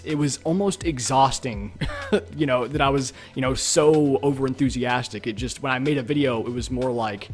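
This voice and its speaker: A man hosts a casual interview, speaking quickly in a loose, filler-heavy way with a bit of put-on energy. Faint music plays underneath his voice. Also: mid-range voice. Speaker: interview host. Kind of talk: casual conversation.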